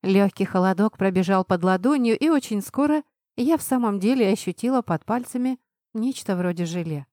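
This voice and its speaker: A woman narrating a fantasy audiobook in an expressive, acted reading, recorded close to the mic. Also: mid-range voice, normal speed, no room sound.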